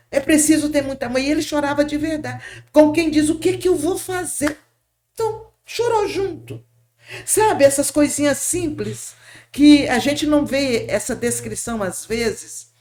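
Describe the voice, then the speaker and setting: Older woman, slightly high voice, reflective podcast-guest storyteller who keeps checking in with the listener. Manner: gentle, reflective, often checks in with "sabe?" and "né?". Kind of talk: reminiscing storytelling.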